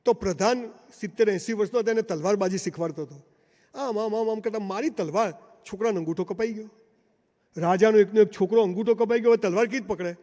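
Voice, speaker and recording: A man's voice: high-pitched, fast, a little mellow. A man giving a live motivational seminar speech in a large hall, telling stories emphatically and addressing the crowd directly. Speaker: motivational speaker. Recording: long hall reverb.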